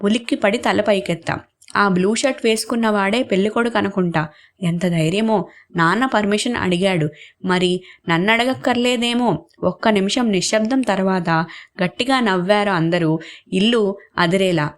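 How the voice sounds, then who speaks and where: A woman's voice: mid-range voice, moderate pace. A woman telling a short story, narrating it aloud and acting out the family members' lines in quotes.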